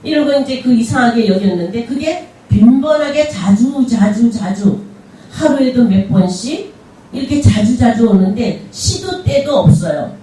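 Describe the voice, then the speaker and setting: An older woman pastor delivers a sermon, repeating her words emphatically as she tells her testimony. Her voice is mellow and dark, rising and falling in a lively way. The recording comes from a mic some distance away in a very echoey hall. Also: on the high side. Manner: emphatic, repetitive storytelling testimony.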